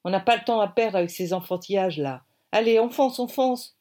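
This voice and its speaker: A woman's voice: mid-range voice, fairly quick, darkish tone, voice pushed up, close to an everyday voice. A woman voicing a bossy, impatient female film producer who gives curt orders. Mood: commanding. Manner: curt, commanding.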